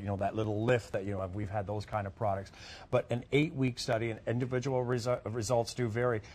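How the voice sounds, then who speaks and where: A man hosting a home shopping show, delivering a chatty, folksy sales pitch. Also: darkish tone.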